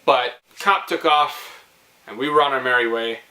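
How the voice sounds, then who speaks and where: A young Canadian man hosts a storytelling video series, spinning a casual comic tale for viewers in a playful, rambling, informal style. His medium-pitched voice moves at a normal speed and sounds bright and forceful, though the recording is rough and the room echoes.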